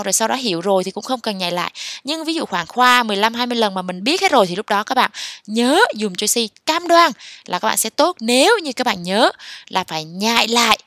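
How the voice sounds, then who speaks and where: A woman teaching English, encouraging and slowly repeating English phrases. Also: a little high, fairly bright tone, no echo, studio quality. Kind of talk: explaining lesson in a voice-over.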